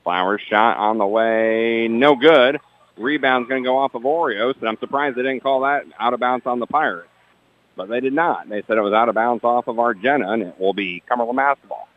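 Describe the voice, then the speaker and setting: A man's voice: medium pitch, no echo, phone-quality sound. Man calling basketball play-by-play. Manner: rapid player-by-player calls, dry asides about the refs. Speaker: play-by-play announcer.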